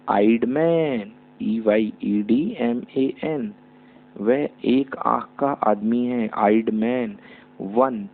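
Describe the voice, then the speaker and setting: A man's voice: mid-range voice, creaky. Man, teacher, grammar lesson, asks and answers his own questions, phone-like narrow audio. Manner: asks the class questions and answers them himself. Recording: tinny phone-like audio with hum.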